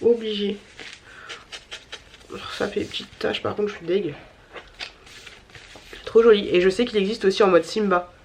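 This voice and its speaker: A woman's voice: medium pitch, steady tone, moderate pace, pauses often, a little mellow, slight background noise. A tired woman vlogger with a stuffy, nasal voice, chatting casually through a shopping haul with many fillers and repeated words.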